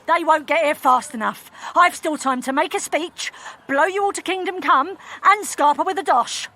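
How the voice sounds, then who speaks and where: A woman's voice: high voice, moderate pace, pushed and bright. An actress playing a foul-mouthed, impatient female gang leader in an audio comedy, scolding and commanding. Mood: furious, commanding.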